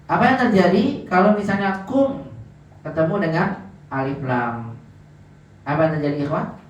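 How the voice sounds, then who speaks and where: A man's voice: on the high side, moderate pace. A man teaching Arabic grammar in class, who asks questions and answers them himself and drags out the example words. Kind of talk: classroom lesson. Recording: echoey, dull, from far off.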